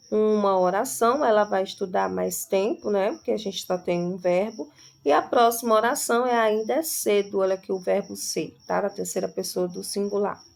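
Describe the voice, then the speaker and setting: Gravelly-voiced woman teaching a grammar lesson. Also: medium pitch, darkish tone. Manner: explains slowly, often checks in with "tá?".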